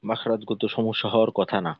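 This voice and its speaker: A man's voice: lowish voice, completely flat delivery, fast talker, no echo, lo-fi sound. A man teaching the pronunciation of Arabic letters in a lesson, patiently repeating his points and demonstrating each sound. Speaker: Quran recitation teacher.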